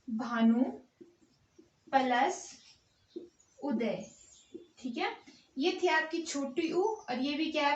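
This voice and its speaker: Woman teacher with an Uttarakhand Hindi accent, high voice, slow and deliberate delivery, drills students through rhetorical questions. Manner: asks questions and answers them herself, repeating "theek hai". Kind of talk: Hindi grammar lesson. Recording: echoey room, dull lo-fi sound.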